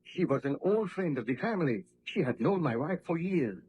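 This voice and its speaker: A man's voice: on the high side, lively intonation, normal speed, a little mellow, a little hiss or hum, close to an everyday voice. An actor playing an earnest, courteous young male scientist with formal, theatrical diction in 1930s radio acting. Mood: recounting. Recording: dull 1930s radio recording.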